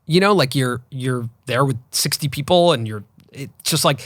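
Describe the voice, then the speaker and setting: A man's voice: mid-range voice, normal speed, no room sound, studio quality. A man in his thirties co-hosting a podcast, chatting casually with lots of fillers and likes. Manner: relaxed, conversational, frequent fillers. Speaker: podcast co-host. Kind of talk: casual chat.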